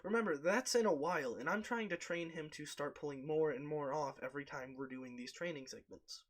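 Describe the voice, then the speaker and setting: Casual male player, slightly higher voice, rambling tabletop chat with in-character asides. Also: brisk.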